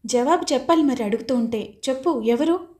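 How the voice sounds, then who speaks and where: A woman's voice: high-pitched, expressive, fairly quick, a little mellow. A woman voicing an anxious young married woman in an audiobook, asking question after question. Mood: coaxing.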